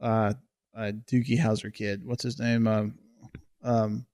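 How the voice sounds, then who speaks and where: A man co-hosting a podcast, chatting casually about TV shows with frequent pauses and restarts. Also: on the low side, flat delivery, darkish tone. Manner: hesitant, many fillers and restarts. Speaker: podcast co-host.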